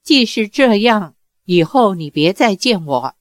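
A woman's voice: mid-range voice, expressive, a little slow, dry recording, clean studio sound, close to an everyday voice. Xiaolongnü, a woman voicing a tremulous swordswoman. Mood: sorrowful. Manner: soft, tremulous, reproachful. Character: aloof, emotional young swordswoman mistress. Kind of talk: audiobook character reading.

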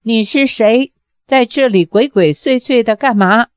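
一位女性朗读者演绎一个因丧妻而疯癫的老年男子，嚎啕哭喊，声音粗厉。. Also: female voice, a little high, unhurried, clear, resonant tone, dry recording, clean studio sound, lightly acted. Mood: harsh shout. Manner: sobbing, loud and harsh. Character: grief-crazed older man, wild and wailing. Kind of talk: audiobook character voice.

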